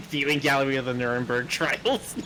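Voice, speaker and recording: A man's voice: a little high, sharp tone, a little hiss or hum, rough recording. A man making sardonic, casual commentary over a video game. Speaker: gaming show regular.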